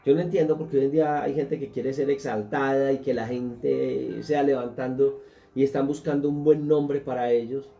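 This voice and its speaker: A man's voice: medium pitch, fairly even intonation, normal speed, creaky, dark tone, lo-fi sound, faint music behind. A man, a pastor, teaching a Bible class and speaking earnestly, putting questions straight to his listeners.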